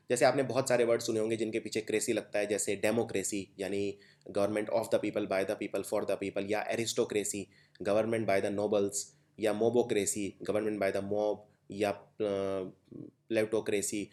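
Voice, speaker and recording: A man's voice: on the low side, darkish tone. Indian man spelling words aloud. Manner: explains step by step, spells words out letter by letter. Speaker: teacher. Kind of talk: exam-prep vocabulary lesson.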